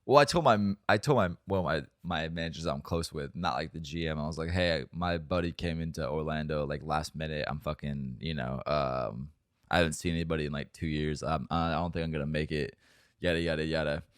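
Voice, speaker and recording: A man's voice: very deep voice, fairly quick, smooth, dry recording, studio quality. A young man co-hosting a podcast, telling a long story in a rambling, profane, laughing way. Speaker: podcast co-host. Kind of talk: casual storytelling chat.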